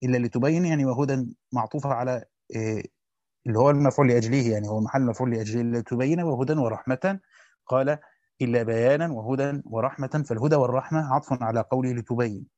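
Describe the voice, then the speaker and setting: A man with an Egyptian accent reads a Quran commentary aloud quickly as a teacher. He stops to explain grammar and quizzes his students. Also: medium pitch, darkish tone, dry recording. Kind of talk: fast classical Arabic reading with colloquial explanations. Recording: dull lo-fi dry recording.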